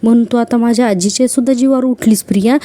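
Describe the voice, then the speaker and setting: A woman voicing a furious, hurt young husband, read out in a quick recap. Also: on the high side, dark tone, natural voice. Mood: angry.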